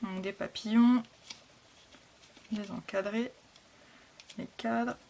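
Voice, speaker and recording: A woman hosting a casual scrapbooking haul, talking softly and hesitantly with frequent fillers. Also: medium pitch, steady tone, slow pace, gravelly, a little hiss or hum. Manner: soft, hesitant, lots of fillers. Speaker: scrapbooking vlogger. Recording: packaging crinkles and clicks behind.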